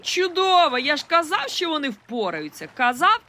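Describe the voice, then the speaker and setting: A woman's voice: high-pitched, sing-song, moderate pace, bright, forceful tone, voice pushed up, full character voice. A woman reading aloud as a boastful teenage boy who crows in triumph. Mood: triumphant. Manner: crowing and triumphant.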